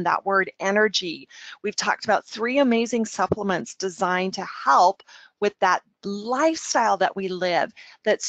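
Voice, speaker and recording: A woman giving an enthusiastic product presentation, talking with a smile and sometimes getting tongue-tied from excitement. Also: medium pitch, dry recording. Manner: smiling as she talks.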